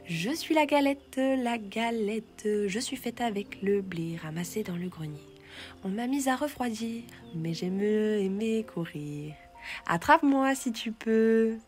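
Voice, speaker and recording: A bright, squeaky little storybook cake, as a woman puts her on, chanting her mocking song in a high sing-song. She drags out each refrain slowly and playfully. Soft music plays faintly behind. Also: sing-song. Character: cheeky little round cake girl, proud and playful.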